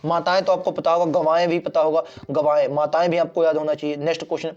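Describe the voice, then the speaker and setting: A man's voice: on the high side, flat delivery, fast, a little mellow. A man teaching an online exam-prep Hindi lesson, repeating words and checking in with "theek hai". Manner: repetitive, drills spellings with "theek hai". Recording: dull lo-fi recording.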